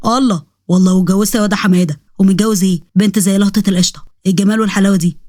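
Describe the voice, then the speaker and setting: A cocky young Egyptian man rambles and jokes at high speed, as a woman narrator voices him. He has a strong Egyptian Arabic accent and a chatty, bragging manner. The recording is dry and close. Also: fairly even intonation, very fast, warm tone, no echo, natural voice. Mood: excited. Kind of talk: storybook narration with character voices.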